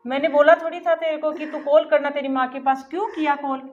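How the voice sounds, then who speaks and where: A woman plays a warm-hearted mother-in-law with a high voice, soothing and fussing over her daughter-in-law. The audio is dull and lo-fi, with faint music behind. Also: steady tone, a little fast, natural voice. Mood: consoling. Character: caring, motherly middle-aged mother-in-law. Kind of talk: amateur family short-film acting.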